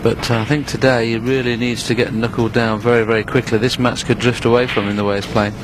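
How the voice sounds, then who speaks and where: A man giving hushed, low-key snooker commentary in a measured, unhurried, analytical way. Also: level tone, noisy background.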